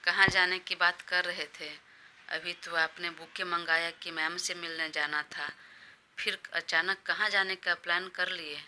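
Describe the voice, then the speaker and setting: A woman's voice: lowish voice, fairly even intonation, unhurried, sharp tone, a little hiss or hum. A woman voicing a deferential, inquisitive young male assistant. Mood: curious.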